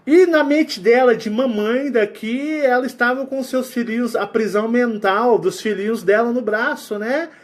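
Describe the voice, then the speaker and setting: A man with a Brazilian Portuguese accent giving a casual spiritual talk, sweating and animated as he acts out sounds and quotes. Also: extremely high pitch, normal speed, hardly any pauses. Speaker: spiritual channel host.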